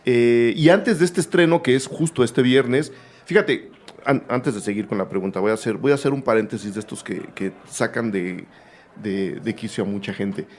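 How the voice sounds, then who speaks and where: A man hosts a film interview in a medium-pitched voice. He talks at length and drifts into side remarks before he gets to his questions. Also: normal speed. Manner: chatty, rambling asides. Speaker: film show host, interviewer. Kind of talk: casual interview conversation.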